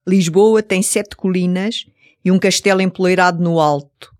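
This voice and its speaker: A woman with a European Portuguese accent narrating short scripted lesson stories in a measured, careful way. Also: lowish voice, steady tone, darkish tone, no echo, clean studio sound. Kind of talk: scripted story narration for language course.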